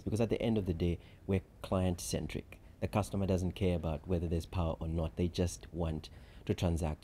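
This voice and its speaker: A man from Zambia, a chief risk officer answering interview questions at a conference in measured, structured explanations. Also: sits low, mellow, slight background noise.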